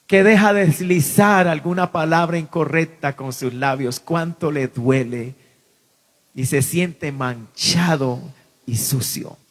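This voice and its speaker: Male pastor, high voice, fervent sermon delivery that builds to shouting. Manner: fervent preaching that swells to shouts. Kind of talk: impassioned sermon.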